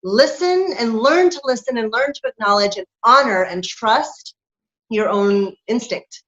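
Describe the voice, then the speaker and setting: A woman's voice: on the high side, lively intonation, unhurried, a bit bright. A woman lactation consultant talking candidly and with animation in an interview, laughing through her points. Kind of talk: conversational interview. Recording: dull lo-fi sound.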